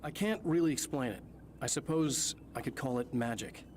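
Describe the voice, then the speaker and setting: An actor playing an earnest, determined investigator in scripted video game dialogue. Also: male voice, medium pitch, lively intonation, normal speed, a little mellow, slight background noise, lightly acted. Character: earnest, determined male investigator caught in a time loop.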